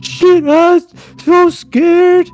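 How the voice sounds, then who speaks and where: Co-host doing an exaggerated drawling trash-talker, slow and pitched up. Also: male voice, level tone, a little mellow, no room sound, soft background music, full character voice. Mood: mock scared.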